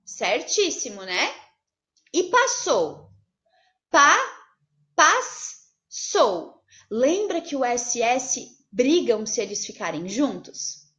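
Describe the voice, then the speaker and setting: Lively high-voiced teacher woman. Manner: slow, sing-song teacherly phrasing, spelling out syllables. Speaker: primary school teacher. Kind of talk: remote class lesson.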